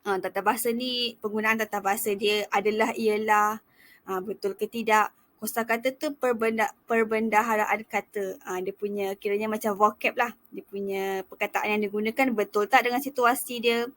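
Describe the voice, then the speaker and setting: A young woman student teacher explains a topic in a casual, relaxed lecture style, chatting freely and often pausing to begin again. She speaks at a medium pitch.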